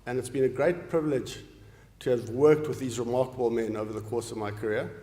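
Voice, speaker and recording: A man's voice: medium pitch, steady tone, fairly quick, warm tone. A man in his late forties, from Zimbabwe, giving an earnest formal academic lecture, with frequent ums and restarts. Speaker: professor giving an inaugural lecture. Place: large lecture hall. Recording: echoey hall with long reverb.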